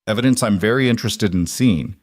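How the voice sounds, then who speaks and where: A man's voice: fairly low pitch, brisk, dry recording, studio quality, lightly acted. A man doing a stern federal marshal. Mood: firm.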